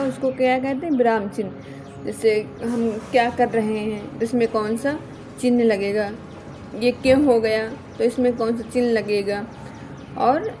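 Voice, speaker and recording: A woman's voice: a little high, warm tone, slight background noise. A woman teaching an exam-prep grammar lesson, who keeps asking "kya?" and then repeats her key points.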